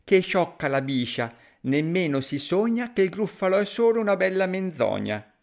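A man reading a rhyming children's story aloud in a sing-song, expressive way. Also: sits high, normal speed, creaky.

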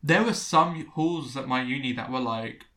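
A man's voice: mid-range voice, moderate pace, bright, forceful tone, echoey room. A young man in casual chat, rambling and correcting himself, swearing now and then.

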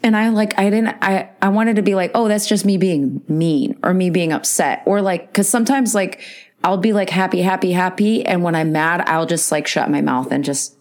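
A woman's voice: on the low side, normal speed. A woman in her forties co-hosting a podcast, chatting candidly and animatedly with plenty of swearing. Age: 40s. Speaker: podcast co-host. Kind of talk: casual chat.

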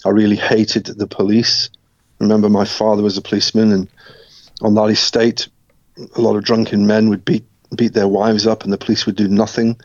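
A middle-aged man from Scotland, speaking as an interview guest and telling his life story in a reflective, measured way with frequent restarts. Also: fairly low pitch, flat delivery, dry recording, highs cut off.

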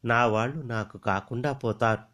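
A man's voice: medium pitch, fairly even intonation, normal speed, fairly bright tone, natural voice. A man voicing a young female flowering creeper who pleads tearfully in a storybook reading.

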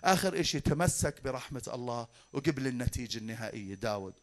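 A man preaching a sermon from a church pulpit in Levantine Arabic, animated and fervent as he talks to his congregation. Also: mid-range voice, quick pace. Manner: animated, fervent, addresses the flock warmly. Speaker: pastor.

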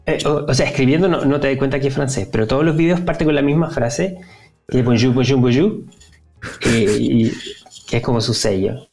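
A man's voice: mid-range voice, brisk, vocal fry, darkish tone, soft background music. A man with a Chilean accent, a podcast guest chatting casually with plenty of fillers and restarts. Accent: Chilean Spanish. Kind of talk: casual interview chat.

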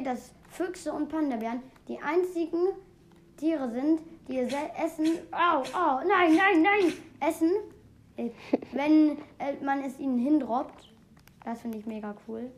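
A woman chatting excitedly while playing a video game, exclaiming often and rambling between facts. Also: high voice, measured pace, a little hiss or hum. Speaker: game player. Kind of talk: casual gameplay commentary.

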